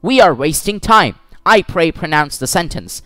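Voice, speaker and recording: Heartless stubborn moneylender voiced by a male narrator, impatient and insistent, animated delivery. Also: mid-range voice, measured pace, dry recording. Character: cruel, stubborn old moneylender man.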